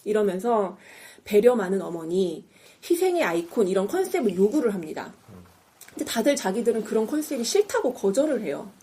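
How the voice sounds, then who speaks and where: A woman's voice: mid-range voice, big pitch swings, fairly quick, warm tone. A woman podcast host in a casual chat, animatedly retelling a TV drama and acting out its lines.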